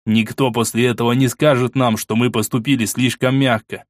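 A man's voice: mid-range voice, level tone, moderate pace, no echo, studio quality, natural voice. A man voicing a worried archduke who pleads with his wife in an earnest, insistent way. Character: worried, persuasive older archduke, husband.

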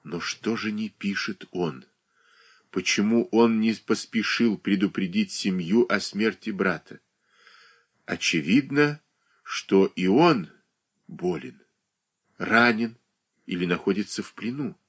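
A man's voice: lowish voice, lively intonation, takes it slowly, pauses often, a bit bright, breathy edge, exaggerated voice. A man reading aloud, voicing a proud, bitter young woman who speaks with scorn and defiance. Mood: anxious.

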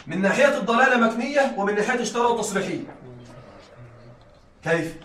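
An extremely high-pitched man lectures on rhetoric, animated, quick, and a bit bright, with faint music behind him. Over and over he asks his students whether they follow. The classroom is echoey, the mic distant, and there's a faint hiss.

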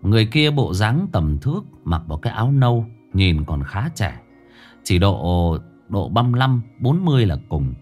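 A man narrating a ghost story in a lively, animated storytelling manner. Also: fairly low pitch, normal speed, faint music behind.

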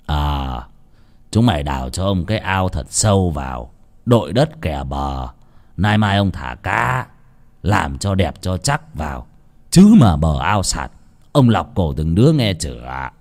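A man voicing a greedy, scheming old village chief with a low, commanding, menacing voice. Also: sing-song, unhurried, darkish tone, full character voice. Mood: threatening.

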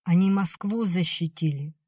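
A woman voicing a soft-hearted pregnant young woman who pleads gently and nearly cries. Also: fairly low pitch, normal speed, husky, dry recording, studio quality. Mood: pleading.

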